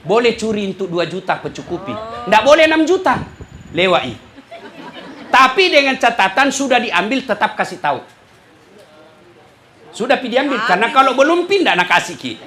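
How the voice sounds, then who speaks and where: Preaching a humorous sermon to a live audience, a man with a very high voice speaks at a moderate pace and pauses often. He's animated, acting out the voices of his listeners, himself, and the people in his stories.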